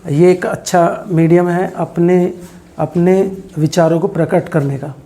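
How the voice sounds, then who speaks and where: A man, a teacher, giving an earnest, halting speech at a small celebration, with many fillers. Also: high voice, steady tone, warm tone.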